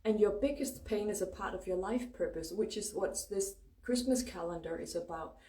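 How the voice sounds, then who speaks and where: A mellow, medium-pitched woman's voice at normal speed carries a Danish accent; she's a native Danish speaker. As host, she gives a loose spiritual talk, swearing freely and speaking emphatically. The sound is echoey, with the mic well away from her.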